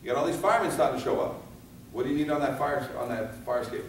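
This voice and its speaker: A man's voice: mid-range voice, lively intonation, very fast. Echoey man lecturing from a distance. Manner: asks the audience questions and answers them; acts out scenes in different voices. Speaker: fire safety instructor. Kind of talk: live training talk to firefighters. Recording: echoey, from far off, with some background noise.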